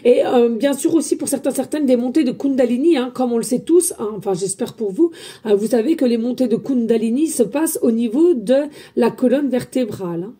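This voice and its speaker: Woman, medium, loud emphatic guidance talk, high voice, mellow tone. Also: a little fast, husky. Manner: chatty, addresses viewers as friends. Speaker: medium giving a spiritual guidance reading. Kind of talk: casual spoken guidance to viewers.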